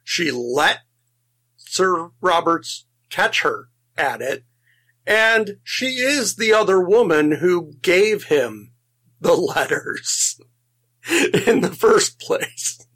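A man with a husky, slightly raised voice talks through a film in a casual podcast chat. He speaks slowly and unhurriedly, often breaks into laughter, and restarts his phrases as he gathers his thoughts. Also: high-pitched, big pitch swings, a bit bright. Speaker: podcast co-host.

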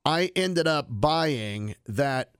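A man's voice: on the high side, animated, drawn-out words, a bit bright, smooth, no room sound, clean studio sound. A man co-hosting a radio show in casual banter, often stumbling over his words and poking fun at himself.

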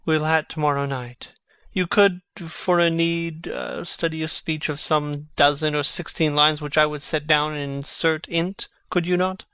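A man's voice: a little high, steady tone, a little slow, bright, forceful tone, clean tone, no room sound, studio quality. A man playing a brooding young prince. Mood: courteous. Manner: theatrical verse delivery. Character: brooding young prince, sharp-witted and restless. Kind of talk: reading a stage play.

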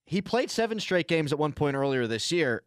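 A man's voice: a little high, very animated, moderate pace, no room sound, clean studio sound. A man hosting a sports radio show, chatting casually and joking with his guest. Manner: joking, opinionated. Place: radio studio.

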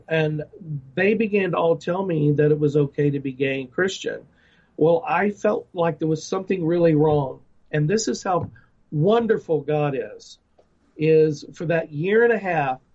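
An earnest middle-aged man, a guest ministry director, tells his life story in a personal testimony interview, his voice a little high for a man and darkish in tone. He searches for words, with plenty of fillers and restarts. The recording sounds dull and lo-fi.

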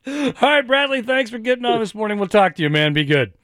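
A man's voice: very high voice, quick pace, dry recording. A man hosting an outdoors radio show, chatting casually and joking with guests, laughing often. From Washington State. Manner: lively, jokey, laughs often. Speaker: radio host.

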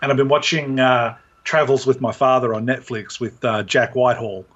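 A man's voice: mid-range voice, steady tone, moderate pace, a bit bright, husky, muffled recording. A man co-hosting a podcast, chatting casually with dry humor and plenty of fillers. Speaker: podcast co-host. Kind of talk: casual chat.

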